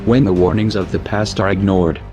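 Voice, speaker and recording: A man narrating a scripted protest message in a grave, measured way, his voice disguised by a deep voice changer. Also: steady tone, over music.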